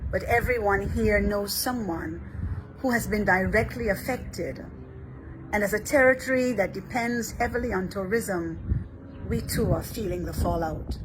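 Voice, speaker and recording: A woman from Barbados, an Episcopal priest giving a measured, scripted reflection. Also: mid-range voice, noisy background.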